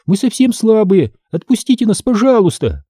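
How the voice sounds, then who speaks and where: A shrill, whining young girl, scared and pleading, her voice pitched far up, as a man puts her on for an audiobook. The tone is dark and husky and the sound is dry and close. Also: very animated, moderate pace, dry recording, heavily acted. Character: frightened young schoolgirl, whiny and pleading. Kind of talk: audiobook character voice.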